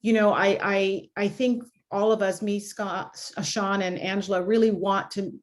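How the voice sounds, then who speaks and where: A woman's voice: mid-range voice, steady tone, unhurried. A woman born in Jamaica and raised in Canada, a law school dean answering on a video panel in a reflective, candid way with many "you know" fillers.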